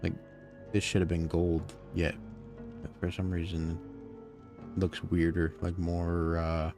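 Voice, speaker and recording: Deep-voiced, laid-back young male streamer. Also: completely flat delivery, slow pace, music in the background. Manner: rambling, laid-back, lots of fillers. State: tired, yawning. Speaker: game streamer. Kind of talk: casual live-stream commentary.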